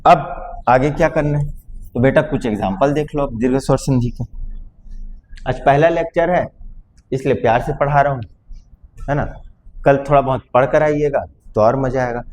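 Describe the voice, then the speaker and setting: A male teacher from Chhattisgarh lecturing a class on grammar, speaking to students fondly and checking often whether they understood, drawing vowel sounds out slowly. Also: mid-range voice, a little mellow, slight background noise. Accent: Chhattisgarh Hindi.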